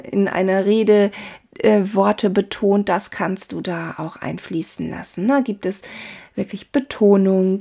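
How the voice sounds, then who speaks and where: Slow, gravelly-voiced woman teaching calmly. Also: medium pitch. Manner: calm, talks to the listener directly, many "ne?" tags and fillers. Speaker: body language coach. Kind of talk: spoken lesson on body language.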